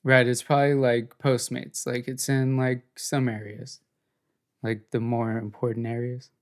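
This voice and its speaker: A man's voice: medium pitch, little pitch movement, unhurried. A man co-hosting a podcast in casual chat, joking and rambling in a laid-back way. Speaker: podcast co-host.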